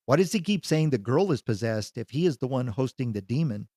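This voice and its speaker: A man's voice: medium pitch, expressive, brisk, warm tone, no echo, close to an everyday voice. A puzzled male companion asks his questions plainly, read by the narrator. The voice stays close to the narrator's own. The sound is dry.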